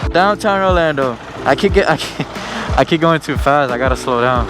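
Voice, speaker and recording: A man's voice: on the high side, lively intonation, moderate pace, over loud music. A man chatting casually as a motorcycle vlogger, slangy and switching between English and Spanish. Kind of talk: casual vlog chat while riding. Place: outdoors on a motorcycle. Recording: loud engine and traffic noise.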